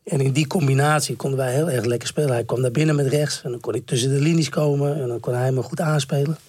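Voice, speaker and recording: Man, 40s, former pro footballer guest; husky, cracking voice, close dry sound, rambling anecdotes. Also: medium pitch, steady tone, fast talker, darkish tone, dry recording. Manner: rambling storyteller, many fillers and restarts. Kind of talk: casual interview chat.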